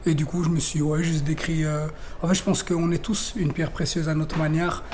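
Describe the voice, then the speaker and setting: A man's voice: on the high side, little pitch movement, moderate pace, a little mellow, a little hiss or hum. A young man from Belgium, a rapper guest in a radio interview, talking chattily with many fillers and restarts.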